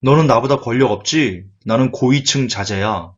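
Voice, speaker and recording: Sneering rich snob, mocking tone, played by a preacher. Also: male voice, medium pitch, moderate pace, husky, highs cut off, close to an everyday voice. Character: snobbish rich man sneering at the poor.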